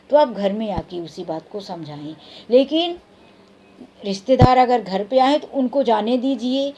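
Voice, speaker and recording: A woman's voice: on the high side, dark tone, lo-fi sound. A woman vlogger in her thirties giving earnest, plainspoken advice straight to camera. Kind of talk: advice vlog talking to camera.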